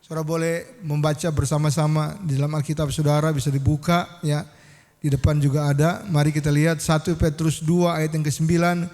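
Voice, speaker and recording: A man with a high, bright-edged voice preaches a storytelling sermon from the pulpit, turning again and again to the congregation to draw a response. His voice rings through a church hall with a long, trailing reverb. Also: flat delivery, brisk. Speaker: pastor. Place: church sanctuary.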